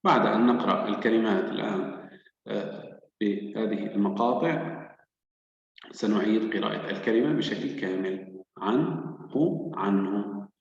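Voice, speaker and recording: A man teaching children to read, sounding out syllables slowly and patiently. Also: on the low side, gravelly. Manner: slow, patient, drawn-out syllables. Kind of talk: children's reading lesson. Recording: echoey, dull, hall-like room.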